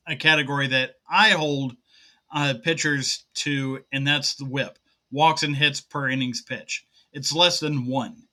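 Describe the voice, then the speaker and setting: Male sports co-host, high, brilliant tone; excited, number-packed casual analysis. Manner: enthusiastic, stat-heavy analysis. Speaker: podcast co-host.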